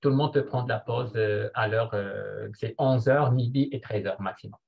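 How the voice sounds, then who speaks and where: A man presenting at a seminar, walking slowly through numbers about operating room staffing and hesitating often as he goes. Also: mid-range voice, gravelly, highs cut off. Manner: slow and deliberate, working through figures with hesitations.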